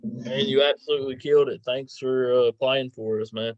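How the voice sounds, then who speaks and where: A man's voice: mid-range voice, steady tone, moderate pace, no room sound, faint music behind. A man chats casually as a show host. He is informal and stumbles over his words, with a mid-range voice. The sound is dry and a little dull. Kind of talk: casual interview chat.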